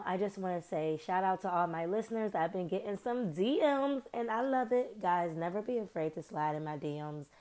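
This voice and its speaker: Hosting her own casual solo podcast, a woman speaks in a fairly low, slightly mellow voice. She chats loosely with plenty of slang and rambling asides. She's recovering from sinus trouble, so her voice is a little off and varies.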